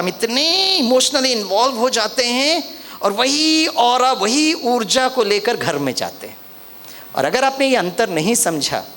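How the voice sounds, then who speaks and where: A man's voice: sits high, a little hiss or hum. A man giving a motivational lecture, telling stories and acting out the dialogue. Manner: lively storytelling, acting out dialogue. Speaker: motivational speaker. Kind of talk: lecture on stress management. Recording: long hall reverb.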